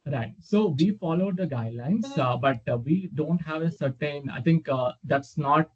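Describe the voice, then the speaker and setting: A man's voice: a little high, darkish tone, faint music behind. Give me a man explaining patiently over a slightly muffled video call, full of hesitant "uh"s as he answers a question. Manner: halting, many "uh" fillers, patient explaining. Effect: heard over a video call. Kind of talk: unscripted Q&A explanation.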